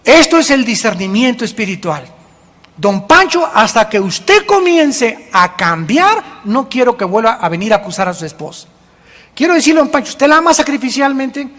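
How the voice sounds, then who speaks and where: A male pastor preaching a sermon in an animated way, acting out the church members he quotes. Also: very high voice, normal speed. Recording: long hall reverb.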